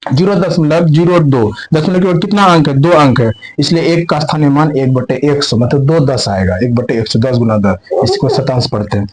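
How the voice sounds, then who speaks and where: A man's voice: fairly high pitch, normal speed, a little mellow, rough recording. A man teaching a maths class. He asks questions and answers them himself, and he repeats and rephrases each step. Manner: repeats and rephrases points, mixes in English terms. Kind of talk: classroom lesson explaining on a board.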